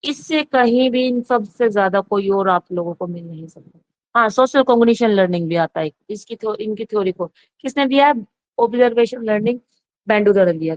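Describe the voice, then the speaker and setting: A woman's voice: fairly high pitch, darkish tone, no room sound. A woman teaching psychology for an exam, talking casually and often correcting herself, asking questions and answering them. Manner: repeats herself, self-correcting, asks and answers her own questions. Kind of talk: exam-prep lecture, casual Hindi-English mix. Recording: dry, dull lo-fi recording.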